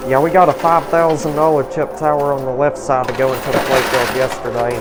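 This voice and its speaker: A man's voice: mid-range voice, flat delivery, brisk, very noisy. A man hosting a video with casual, wordy, folksy gameplay commentary. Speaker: video channel host.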